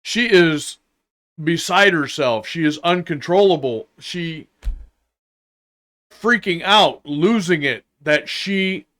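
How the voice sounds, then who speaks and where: An older man giving an unscripted, indignant opinion rant, halting and deliberate, with long pauses and emphatic repetition. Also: fairly high pitch, animated, sharp tone. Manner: indignant, emphatic, repeating phrases. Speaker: vlogger giving his opinion.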